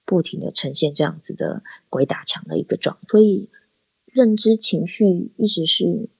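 A woman hosting a podcast in a low voice, talking in a casual, reflective way and often pausing to search for words. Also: expressive, gravelly, breathy edge, no room sound, poor audio. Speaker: podcast host. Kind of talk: casual talk. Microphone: phone-app voice recording.

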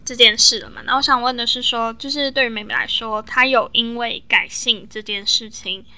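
A woman podcast host asking gentle, probing interview questions. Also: a little high, fairly even intonation, a little fast, smooth.

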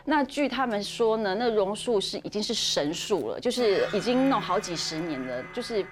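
A woman's voice: mid-range voice, lively intonation, moderate pace. A woman, hosting a podcast and dramatically telling a ghost story, with frequent fillers and restarts. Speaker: podcast host. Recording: podcast with music underneath.

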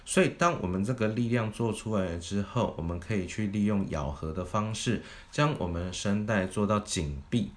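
A man's voice: lowish voice, moderate pace, few pauses. A man teaching a singing lesson, explaining vocal technique methodically, step by step. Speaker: vocal coach.

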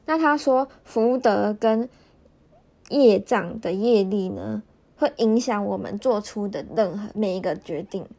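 A woman's voice: medium pitch, unhurried, creaky, mellow. A woman podcast host casually sharing thoughts on a book, her articulation slightly off from wearing dental braces, often repeating and rephrasing as she explains.

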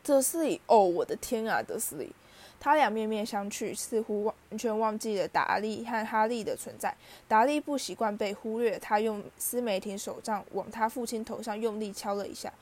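A woman's voice: on the high side, steady tone, normal speed, few pauses. A woman reading a children's novel aloud, narrating steadily and expressively. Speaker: audiobook reader.

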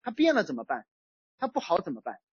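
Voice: mid-range voice, wildly swooping pitch, fast talker, breathy edge, dry recording, lo-fi sound. A preacher giving a sermon in a conversational way, using everyday examples. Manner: conversational, uses everyday chat-group analogies. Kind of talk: sermon on a psalm.

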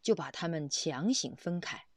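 A woman reading a Buddhist story aloud, animated and full of exclamations. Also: sits low, normal speed, no echo, clean studio sound. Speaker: reader of a Buddhist text.

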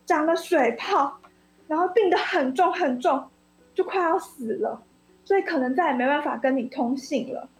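A woman's voice: sits high, normal speed, roomy sound, natural voice, low-quality recording. A woman voicing a frightened little frog in a children's story, reading with panicky urgency. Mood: scheming.

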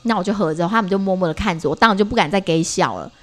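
Mom chatting on a podcast, lowish voice, animated and rambly. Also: female voice, very fast. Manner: animated, lots of fillers and restarts. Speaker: podcast co-host and mother. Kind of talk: casual storytelling chat.

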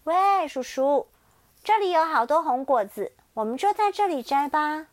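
Woman voicing a young dinosaur child, high, insistent, storybook, lively. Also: normal speed, dry recording. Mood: protesting. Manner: protesting shrilly.

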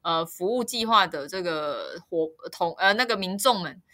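A young woman with a Taiwanese Mandarin accent, co-hosting a podcast in a casual chat, laughing often and filling pauses with hesitations. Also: on the low side, expressive, bright, forceful tone. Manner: chatty, laughs often, many hesitant fillers. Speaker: podcast co-host.

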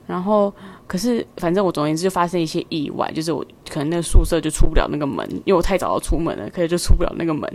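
A young woman with a Taiwanese Mandarin accent, co-hosting a podcast and telling a story in casual chat, lively and animated. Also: lowish voice, racing, few pauses. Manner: lively, animated storyteller who acts out quoted voices. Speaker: podcast co-host.

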